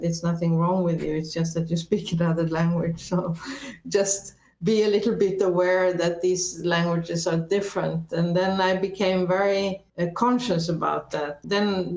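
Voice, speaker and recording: A woman with a lowish voice, Norwegian by first language and raised in Sweden, talks reflectively as a guest in a conversational interview. She often restarts and corrects herself. The recording is rough and the room echoey.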